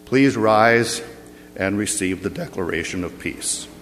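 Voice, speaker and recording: Slow-preaching man in cathedral echo. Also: fairly low pitch, animated. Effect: long cathedral-like echo. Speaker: pastor. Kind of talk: sermon. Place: large church sanctuary. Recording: reverberant church hall, faint hum.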